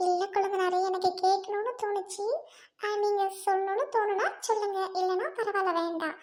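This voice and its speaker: A kind young sister-in-law speaks gently and politely, voiced by a woman. Her voice sits very high and light, calm and reassuring, in an amateur audio drama. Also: fairly quick.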